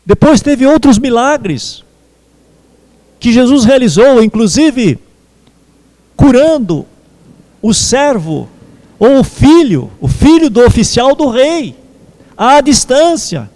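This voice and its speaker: A man preaching a sermon as pastor, slow and measured with pauses. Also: very high-pitched, big pitch swings, a little mellow, in a large hall. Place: church.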